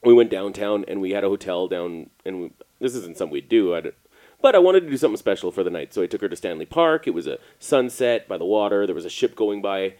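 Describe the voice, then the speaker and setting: Laid-back low-voiced man telling a story. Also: quick pace. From Canada. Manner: laughing, animated storyteller who voices people in his anecdotes. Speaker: podcast co-host. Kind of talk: casual storytelling chat.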